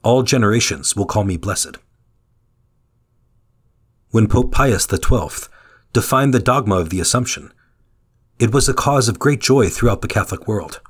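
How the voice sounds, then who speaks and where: A man giving a calm, measured scripted reading of a daily devotional meditation. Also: fairly low pitch, slightly rough. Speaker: meditation reader.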